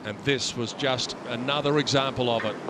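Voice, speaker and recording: A man working as a golf commentator, narrating tournament highlights. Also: steady tone, moderate pace. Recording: crowd and outdoor noise behind. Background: loud golf crowd and outdoor ambience.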